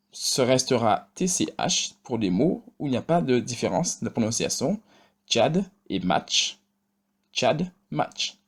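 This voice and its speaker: A man teaching a pronunciation lesson, saying example words slowly and repeating each one twice. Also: mid-range voice, a bit bright, breathy edge. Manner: slow and deliberate, repeating each word twice. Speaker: language teacher.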